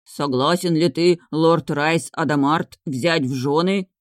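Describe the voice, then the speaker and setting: Brief: woman doing nervous hurried priest at a forced wedding. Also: low voice, no echo, studio quality. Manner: hurried, hesitant. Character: flustered frightened male priest.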